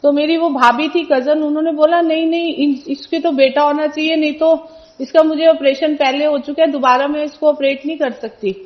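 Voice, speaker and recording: A middle-aged woman shares a personal testimony at a satsang, retelling family events in an animated storytelling way. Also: high-pitched, a little fast, muffled recording. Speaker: devotee sharing testimony.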